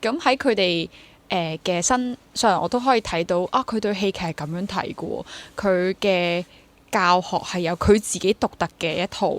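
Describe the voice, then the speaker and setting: Speaking at a normal pace in a voice on the low side, a young Hong Kong woman chats in a conversational interview about her own experiences. She's in her twenties, works as a freelance stage actor, and mixes English into her Cantonese.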